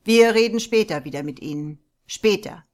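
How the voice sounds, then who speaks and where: A woman voicing a calm, measured, unseen interrogator speaking over a loudspeaker. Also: medium pitch, voice pushed up, close to an everyday voice.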